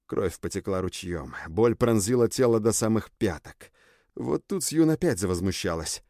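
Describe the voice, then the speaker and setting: A man narrating a dark audiobook in the first person, expressive and intense. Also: lowish voice, moderate pace, no echo, clean studio sound.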